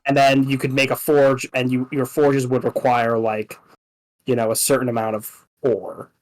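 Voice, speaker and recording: A man's voice: medium pitch, level tone, moderate pace, low-quality recording. A man casually explaining game strategy, hesitant, with many fillers and restarts.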